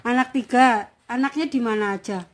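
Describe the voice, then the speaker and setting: A woman's voice: a little high, normal speed. A young woman from Brebes in Java, a caregiver patiently repeating her questions in casual chat. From Brebes, Central Java, Indonesia.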